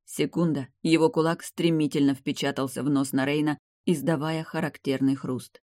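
A woman narrating a first-person fantasy audiobook with an expressive, dramatic reading. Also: deep voice, normal speed, no echo, studio quality.

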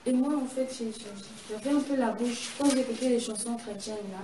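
A woman sharing a personal testimony in conversation, telling it in an animated way with frequent restarts and acted-out reactions. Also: on the high side, a little fast. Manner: animated, repeats and restarts phrases, acts out her reactions. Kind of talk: conversational storytelling. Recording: roomy, distant mic, steady background noise.

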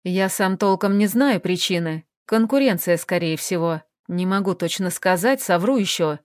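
A woman's voice: on the low side, normal speed, no room sound, clean studio sound, lightly acted. A woman reading an audiobook, voicing a blunt, coarse, pushy man in an offhand manner.

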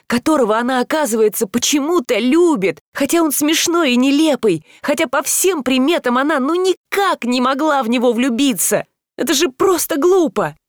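A woman narrating an audiobook in an expressive, emotional reading. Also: high voice, no echo. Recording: dry close studio sound.

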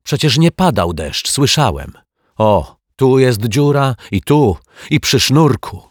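A man reading a storybook and voicing an upset, tearful little boy who complains in a high, strained voice. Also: sing-song, slow pace, no echo, clean studio sound.

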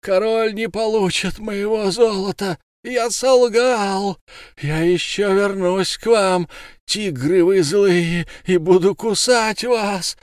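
A man voicing a vicious, gloating male fishmonger in a storybook reading, with shrill, spiteful, drawn-out shouting. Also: animated, no room sound, studio quality, natural voice. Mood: raging.

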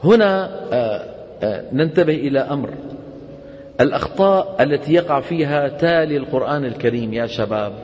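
A man teaching Quran recitation rules, quizzing his students with quick questions and answering them himself. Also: medium pitch, a little mellow, big-room sound. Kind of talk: classroom lecture on tajweed.

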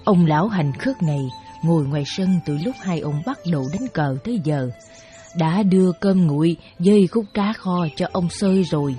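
An actress playing a practical, scolding older village wife who speaks brisk and dismissive. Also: female voice, on the low side, lively intonation, warm tone, faint music behind, natural voice. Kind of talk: radio play acting.

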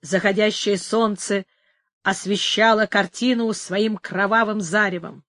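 A woman narrating a romantic adventure novel in an audiobook, measured and expressive. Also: medium pitch, no echo, studio quality.

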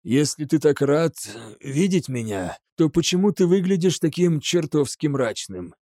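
A man putting on a wounded prisoner with slurred, defiant speech. It is read in an audiobook, and his pitch rises and falls a lot. The recording is dry. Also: very animated, a little slow, warm tone, dry recording.

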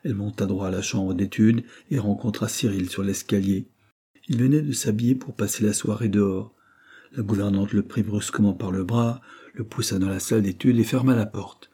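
A man narrating a classic novel as an audiobook, reading in a steady, measured way. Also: on the low side, breathy edge.

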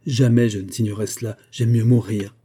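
A man's voice: on the low side, fairly even intonation, a little fast, warm tone, breathy edge. A man reading aloud, voicing a proud aristocratic countess who answers with imperious indignation. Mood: outraged. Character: haughty aristocratic countess caught shoplifting, indignant.

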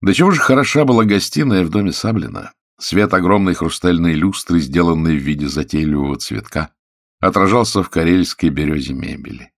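Low-voiced male audiobook narrator, dry close recording. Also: no room sound. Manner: measured storytelling. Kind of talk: scripted narration.

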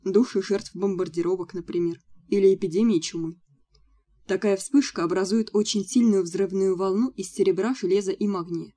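A confident young man who runs a small ghost-hunting agency, speaking briskly and with easy assurance, as a woman reading the audiobook puts him on. The tone is mellow and dark. His pitch is moderate. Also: steady tone, close to an everyday voice. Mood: explaining. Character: confident cocky young male agency leader.

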